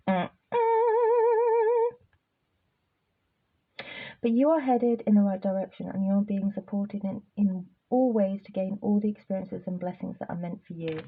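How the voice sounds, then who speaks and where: A woman's voice: medium pitch, fairly even intonation, moderate pace, few pauses, breathy edge. Chatty woman giving a tarot reading. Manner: chatty, apologetic, laughs often. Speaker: tarot reader. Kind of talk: casual tarot reading to camera. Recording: tinny phone-like sound with faint noise.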